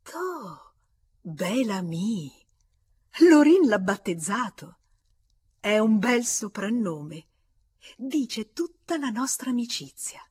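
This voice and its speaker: A woman reading an audiobook aloud, voicing a playful, affectionate young married woman who speaks in a soft, murmuring, coaxing way, with an Italian accent. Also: on the high side, sing-song, slow pace, pauses often, slightly rough, no room sound, studio quality, pitched above the performer's own voice, heavily acted.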